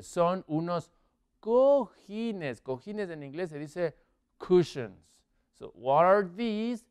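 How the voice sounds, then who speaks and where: A man teaching English vocabulary, quizzing viewers with multiple-choice options and drawing out the English words slowly for pronunciation. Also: a little high, darkish tone, clear, resonant tone. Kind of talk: English vocabulary lesson in Spanish.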